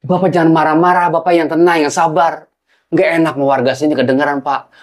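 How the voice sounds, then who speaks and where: A young man with a slightly high, natural voice and little pitch movement pleads, a bit fast, as a son-in-law apologizing to his enraged father-in-law. It's a scene of low-budget film acting.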